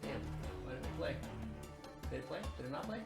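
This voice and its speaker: A man's voice: a little high, expressive, a little fast, vocal fry, over loud music. A man running a tabletop game as game master, narrating in a loose, chatty way. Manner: loose and chatty, fumbles with tools mid-scene.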